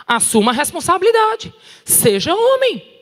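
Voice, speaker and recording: A woman with a Brazilian Portuguese accent preaching at a conference in an animated, direct, scolding way, with touches of humor. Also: very high-pitched, moderate pace. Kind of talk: sermon. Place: large church hall. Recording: long hall reverb.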